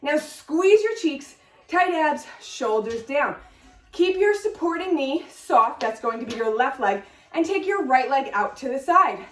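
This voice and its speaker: High-voiced woman cueing a workout. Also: lively intonation, measured pace, a bit bright, echoey room, distant mic. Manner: upbeat, counting reps and cueing form. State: working out along with the class. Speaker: fitness instructor. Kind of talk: workout instruction.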